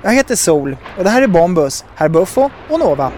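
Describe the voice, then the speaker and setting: A man's voice: high-pitched, very animated, slight background noise. A man voicing a cheerful, decisive young woman who can fly, in a storybook reading. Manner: bright and decisive.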